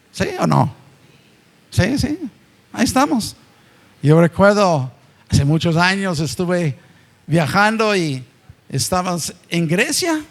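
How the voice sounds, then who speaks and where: Pastor guy preaching in church, highish voice, keeps asking the crowd "right?". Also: creaky. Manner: asks the congregation frequent rhetorical questions; acts out quoted voices with sharp pitch jumps. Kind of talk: sermon.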